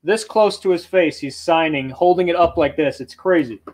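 Pitched on the high side with a darkish tone, this man in his thirties speaks at a normal speed as he runs a casual live auction stream. Moving around a small indoor storage room packed with shelves, he reads viewer comments aloud and chats, at times stepping back from the desk's webcam mic.

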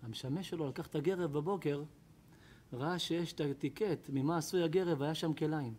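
A man's voice: a little high, darkish tone, a little hiss or hum. A man, a rabbi, giving a Torah lecture to an audience, telling stories emphatically and addressing listeners by name.

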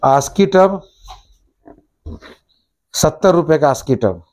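Man, thirties, slightly high voice, brisk sales rundown, repeats prices, lapel mic, small indoor shop. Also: lively intonation, a little mellow, slight background noise. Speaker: shop owner listing product prices.

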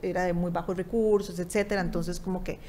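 A woman's voice: on the low side, flat delivery, quick pace, dark tone, a little hiss or hum. A woman in her thirties with a Costa Rican accent, a guest in an interview, telling a personal story and acting out the dialogue in it. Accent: Costa Rican Spanish. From Costa Rica.

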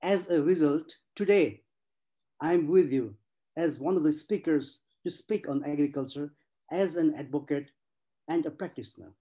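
Speaking at an online panel, this man from Nepal, in his forties, gives a heartfelt personal talk and drives points home through repetition. He has a fairly high, mellow voice and keeps a moderate pace.

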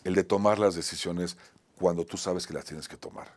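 A Mexican-accented man with a fairly low voice tells a personal story as an acting teacher. His delivery swings between a strong, projected voice and a soft, quiet one. He keeps tagging his phrases with a little question. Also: steady tone, normal speed. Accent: Mexican Spanish. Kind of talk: personal anecdote on a talk show.

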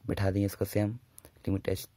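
Male maths teacher, very deep dark voice, flat delivery, dry sound. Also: no room sound. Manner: slow, drawn-out dictation of formulas, brisk asides to students. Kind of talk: whiteboard maths lesson.

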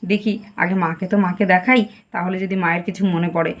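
A woman's voice: high voice, fast talker, roomy sound, far from the mic, close to an everyday voice. A woman voicing an exasperated, caring daughter-in-law in a cartoon, pleading and scolding in a homely tone.

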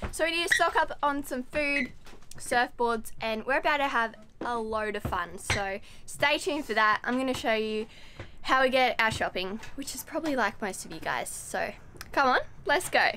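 With a slightly high, expressive and sharp voice at a normal pace, a teenage girl chats through her vlog from a car and a sailboat cabin. She holds the camera at arm's length and leans heavily on "like" as filler. Noise from the handheld camera is audible.

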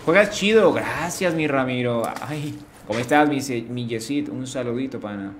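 A man's voice: medium pitch, normal speed. A man streaming a game live, chatting casually. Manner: chatty, greets chat, slangy.

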